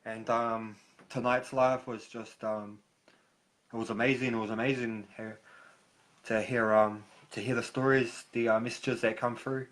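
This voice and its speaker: A man with a broad New Zealand accent hosting a live stream, talking casually and haltingly with frequent pauses. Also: medium pitch, little pitch movement, fairly bright tone, low-quality recording. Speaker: host of a recovery live stream.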